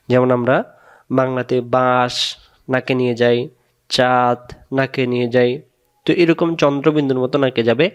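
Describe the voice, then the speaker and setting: A man's voice: medium pitch, smooth. A man with a Bangladeshi accent teaching Quran recitation step by step, stretching out syllables and repeating each word to show how it is said. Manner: slow, drawn-out syllables when demonstrating, repeats each word.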